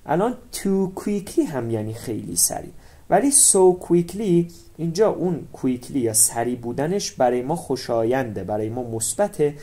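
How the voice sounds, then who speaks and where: A male teacher with a Persian accent walks through an English grammar lesson. His voice swings widely in pitch as he stresses and repeats each English word. His tone is dark and mellow. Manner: animated, stresses and repeats English words for pronunciation.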